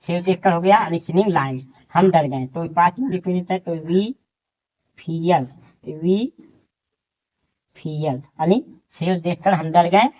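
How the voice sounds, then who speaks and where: Man, teacher, grammar lesson, word-by-word dictation, unhurried, muffled lo-fi audio. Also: sits high. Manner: slow, repeats each word as if dictating. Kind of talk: slow Hindi grammar lesson, dictating sentences. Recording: dull lo-fi sound.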